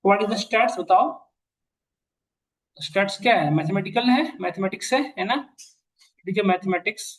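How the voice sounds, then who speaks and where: A man teaching a class, mixing English phrases into his Hindi and repeating key lines slowly for students to write down. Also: high voice, fairly bright tone, poor audio. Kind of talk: classroom lecture.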